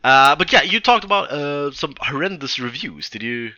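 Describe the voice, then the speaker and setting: A man co-hosting a podcast, chatting casually about a film, halting and restarting his phrases. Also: on the high side, lively intonation, sharp tone, no room sound, dull audio. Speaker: podcast co-host. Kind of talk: casual film review chat.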